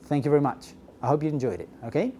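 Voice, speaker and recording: A middle-aged man giving a business English class lecture, lively and constantly checking in with the audience. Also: on the high side, rapid-fire, slight background noise. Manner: lively, asks the audience "okay? yes?" often. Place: classroom with projector screen. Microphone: lapel mic.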